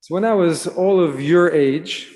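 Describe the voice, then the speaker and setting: Man born in Israel, sermon for children, storytelling, slightly high voice. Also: unhurried. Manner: gentle storytelling, asking the children questions. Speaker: rabbi. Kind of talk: children's sermon at a Shabbat service. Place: synagogue sanctuary.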